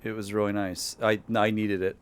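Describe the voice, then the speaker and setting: A man playing a game alongside the host, chatting casually and asking quick questions. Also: lowish voice, little pitch movement, clean tone. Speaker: co-op game partner. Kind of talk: casual chat.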